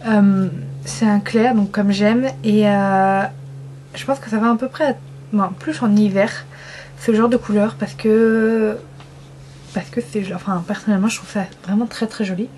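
A woman's voice: mid-range voice, fairly even intonation, unhurried, a little mellow, a little hiss or hum. A young woman from France chatting casually through a makeup swatch review, enthusiastic and self-mocking. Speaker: beauty vlogger.

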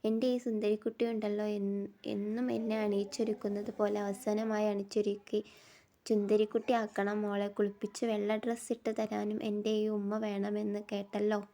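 A woman voicing a dying young woman who speaks softly and pleadingly to her family. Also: medium pitch, monotone, brisk, lightly acted. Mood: tender.

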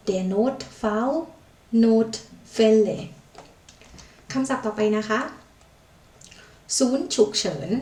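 Slow, deliberate woman teaching vocabulary. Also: on the high side, darkish tone. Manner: says foreign words slowly and repeats them, polite particles. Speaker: language teacher. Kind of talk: vocabulary lesson. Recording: echoey room, mic far off.

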